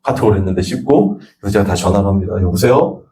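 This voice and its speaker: A man's voice: low-pitched, expressive, rapid-fire, warm tone, a little hiss or hum. A male pastor giving a conversational sermon at a Sunday church service, telling stories and acting out the dialogue.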